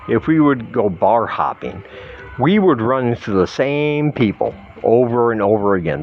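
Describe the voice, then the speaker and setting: A middle-aged American man from Michigan, slightly drunk, rambling through a halting, self-deprecating comic monologue as a vlogger. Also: lowish voice, dull audio, slight background noise. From Michigan, United States.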